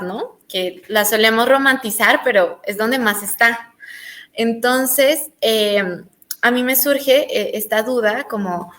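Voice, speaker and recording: A woman's voice: medium pitch, a bit bright. A woman from Colombia leads an online panel discussion. She talks in a hesitant, searching way, full of fillers and restarts as she thinks aloud. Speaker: panel moderator.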